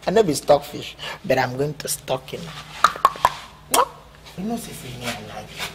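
A man's voice: mid-range voice, sing-song, moderate pace, heavy background noise. An actor with a Nigerian accent playing a cheeky, lovestruck young male student who begs a girl to date him in rambling pidgin. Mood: pleading. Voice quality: pleading, playful, rambling. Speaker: student suitor. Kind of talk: comic film acting.

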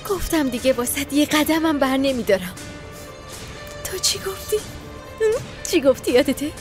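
Brief: a furious, taunting woman, high voice, music underneath. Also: expressive. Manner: sharp, commanding, taunting. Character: cornered young woman holding a gun, furious. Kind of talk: dubbed TV drama.

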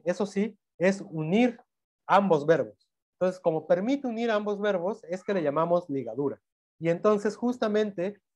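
A man's voice: sits high, darkish tone. Man teaching with a Mexican Spanish accent. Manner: patient, self-correcting, checks understanding with tag questions. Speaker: university language teacher. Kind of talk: online lecture on grammar.

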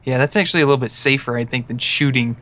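A man's voice: mid-range voice, steady tone, bright, forceful tone. A young man joking and calling out enemies while playing a co-op stealth game with a friend. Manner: playful, goofy, gives quick callouts. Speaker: gaming co-host. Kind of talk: casual co-op gameplay commentary.

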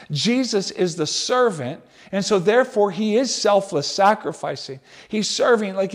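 A male pastor with a high voice preaches a sermon in an animated, conversational way, often restarting his sentences.

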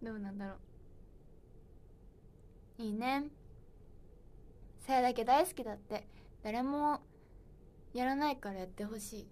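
Solo livestream host, woman in her twenties, chatty and playful with viewers, voice on the high side. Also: a little slow, pauses often, a little mellow, slight background noise. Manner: chatty, playful, reads viewer comments aloud. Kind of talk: casual livestream chat.

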